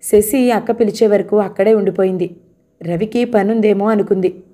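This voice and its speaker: A woman narrating a novel in a calm, even storytelling manner. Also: medium pitch, normal speed. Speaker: audiobook narrator. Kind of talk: novel reading.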